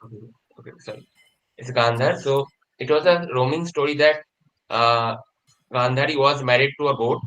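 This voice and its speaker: A man, asking a question from the audience in a hesitant, halting way. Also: medium pitch, a bit bright, poor audio.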